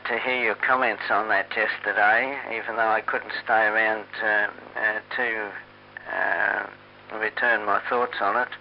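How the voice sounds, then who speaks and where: A man chatting casually as an amateur radio operator, speaking haltingly with long pauses, heard over a radio transmission. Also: on the low side. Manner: halting, hesitant, long pauses between phrases. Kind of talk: casual on-air ham radio chat. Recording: dull lo-fi radio, hum and hiss.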